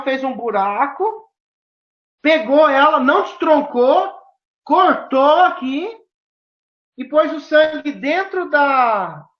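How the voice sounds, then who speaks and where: A high-pitched woman with a southern Brazilian accent tells stories animatedly, acting out the voices of the people she quotes. Her questions come out emphatic. The recording sounds roomy and dull, like a lo-fi capture in an echoey room. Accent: southern Brazilian Portuguese. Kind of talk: animated storytelling conversation.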